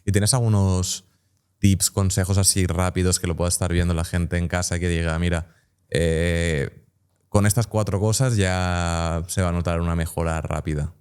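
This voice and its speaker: Deep smooth voiced host, asks long careful questions. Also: male voice, steady tone, normal speed, darkish tone. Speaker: interview host. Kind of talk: interview questions.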